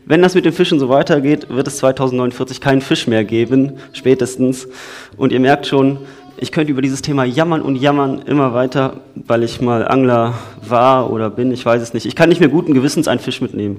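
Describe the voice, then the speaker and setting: A man from the Cologne area, giving an informal sermon in a conversational way, moving between lively storytelling and quiet earnestness. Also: a little high. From Cologne area, Germany. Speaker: preacher.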